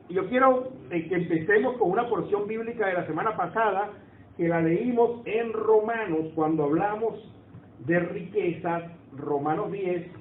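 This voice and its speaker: High-voiced preacher on a tinny, echoey line. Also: male voice, a little hiss or hum. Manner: conversational, asks the congregation for agreement. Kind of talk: sermon. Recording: echoey room over a tinny phone-like line.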